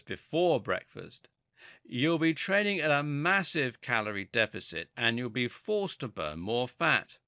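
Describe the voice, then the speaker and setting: Male narrator for scripted fitness explainer: articulate, animated pitch movement, dry studio-like sound. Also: creaky, no echo.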